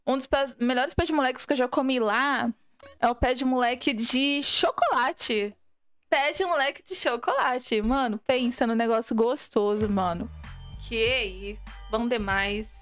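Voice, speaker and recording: A woman's voice: fairly high pitch, fairly even intonation, measured pace, faint music behind. A young woman from Minas Gerais with a Minas Gerais accent, chatting casually with viewers as a game streamer and reading the chat aloud. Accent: Minas Gerais Portuguese. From Minas Gerais, Brazil. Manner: chatty, reads chat aloud, mixes in English words.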